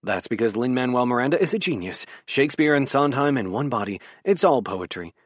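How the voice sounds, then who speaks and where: A cheerful young male athlete who chatters eagerly and playfully, as a male narrator puts him on. The voice is mid-pitched for a man. The recording is dry and close. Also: expressive, brisk, no room sound, lightly acted.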